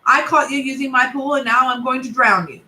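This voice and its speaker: A woman's voice: sits high, steady tone, a little fast, pushed and bright, recorded from a distance, pitched above the performer's own voice. A woman voicing a vain, weepy old male rhinoceros in a children's story, wailing about his looks. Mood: self-pitying. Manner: wails and frets, theatrical. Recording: echoey room.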